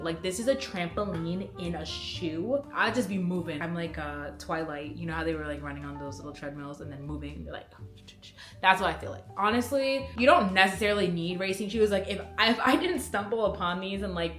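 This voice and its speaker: A woman's voice: on the low side, fairly bright tone. Casual young woman vlogger, echoey room. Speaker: running vlogger. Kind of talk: casual vlog chat.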